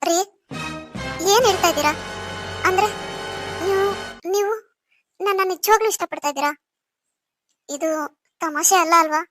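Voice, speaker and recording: A woman's voice: extremely high pitch, moderate pace, pauses often, pushed and bright, dry recording, faint music behind. A woman voicing a young orphaned wife in a cartoon story, pleading and full of questions. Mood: disbelieving.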